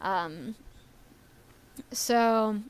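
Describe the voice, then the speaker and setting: A woman's voice: mid-range voice, extremely slow, clean tone, no echo. A woman co-hosting a casual live stream, talking in a chatty, rambling way with many ums and little laughs. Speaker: story creator and stream co-host.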